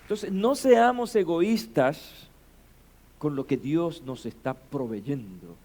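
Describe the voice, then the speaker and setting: A man preaching a sermon as pastor, building to shouted emphasis and rhetorical questions. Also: on the high side, expressive, slow.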